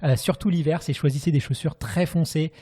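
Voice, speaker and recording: A man hosting a relaxed podcast conversation. He talks fast in a mellow, darker tone and leans into questions and tips for listeners. His voice sits a little higher than most men's. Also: slightly rough. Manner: chatty, asks questions, gives listener advice. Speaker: podcast host.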